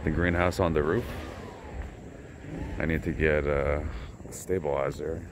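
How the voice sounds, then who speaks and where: A man casually narrating a handheld walkthrough of a campus building and its rooftop greenhouse, talking in a relaxed, offhand way as he walks. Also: very deep voice, measured pace, noisy background. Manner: relaxed, offhand commentary while walking. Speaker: vlogger giving a walkthrough. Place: campus grounds outdoors and building interior with greenhouse. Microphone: handheld camera.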